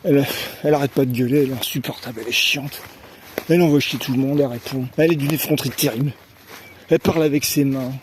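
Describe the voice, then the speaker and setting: A man's voice: mid-range voice, fairly even intonation, fast, background noise. A man from France talking in a casual opinion monologue as a vlogger, rambling on fillers and tag questions and repeating words as he searches for phrasing.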